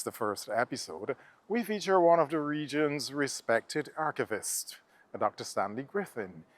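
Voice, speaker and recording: A man, in a mid-range voice, reads a scripted documentary introduction. His delivery is formal and measured. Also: mid-range voice. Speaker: program narrator. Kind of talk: scripted narration.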